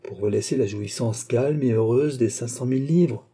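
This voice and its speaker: A man reading a cold, composed count who calmly demands repayment, keeping a polite but unyielding manner. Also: medium pitch, normal speed, slightly rough, close to an everyday voice. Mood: cool. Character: icy, composed male count and sorcerer-creditor.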